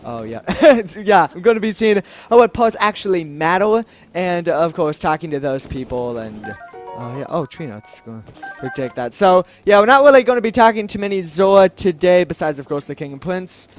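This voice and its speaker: High-voiced chatty gaming guy. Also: animated, normal speed, faint music behind. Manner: chatty, rambling, giggly. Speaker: let's play host. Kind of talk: casual gameplay commentary.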